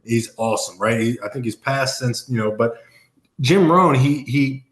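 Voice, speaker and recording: A man's voice: mid-range voice, moderate pace, reverberant, slight background noise. A man giving a motivational sales talk on a video call, emphatic and repeating his key phrases for punch. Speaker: sales coach and Marine.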